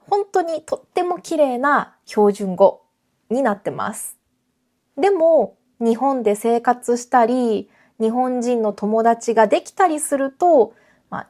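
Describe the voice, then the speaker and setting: A woman with a voice pitched a little high hosts a laid-back language lesson. She explains things in a clear, friendly way and sometimes glances at her notes while speaking to the camera. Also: a little mellow. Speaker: Japanese teacher. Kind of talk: casual teaching podcast. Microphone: camera framing, reading notes beside it.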